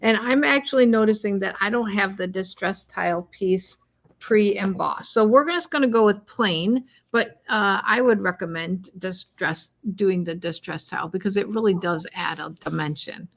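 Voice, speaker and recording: A woman co-hosts a cardmaking video, chatting casually, a bit rambly and self-deprecating while she demonstrates. Her mid-range voice has vocal fry and moves at a normal speed.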